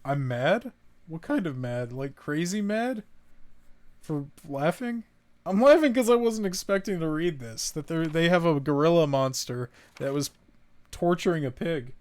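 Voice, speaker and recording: A man's voice: fairly high pitch, expressive, moderate pace, a little mellow. A man streaming a horror game, commenting casually, swearing when startled and reading in-game notes aloud. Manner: jumpy, swears when startled, laughs at grim text.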